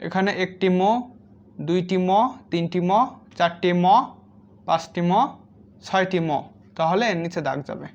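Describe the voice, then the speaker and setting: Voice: medium pitch, flat delivery, a little slow, long pauses. Patient children's teacher who counts each item aloud. Mid-range voice, slightly muffled recording. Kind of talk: step-by-step lesson for young children. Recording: slightly dull lo-fi sound.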